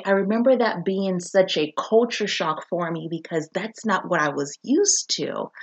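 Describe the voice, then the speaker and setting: A Zambian woman introduces her own solo podcast in a casual, reflective, earnest way, often restarting her sentences. Her voice is fairly low with a breathy edge, and the recording sounds muffled.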